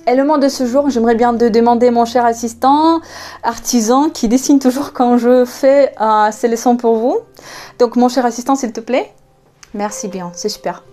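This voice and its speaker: A woman's voice: a little high, normal speed, warm tone. A woman from Russia with a Russian accent, teaching an online language lesson, patiently spelling out letters and words.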